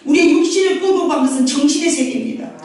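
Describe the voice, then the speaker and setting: A woman's voice: high-pitched, quick pace, darkish tone. A middle-aged woman pastor preaching a sermon, emphatic and repetitive, calling on the congregation for amens. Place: church sanctuary. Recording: very echoey church hall, voice from a distance.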